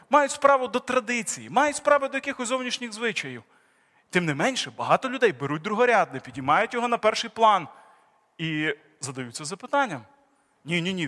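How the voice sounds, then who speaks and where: Pastor, male, high bright voice, emphatic sermon delivery, church hall with long reverb. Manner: emphatic, rising and falling preaching delivery.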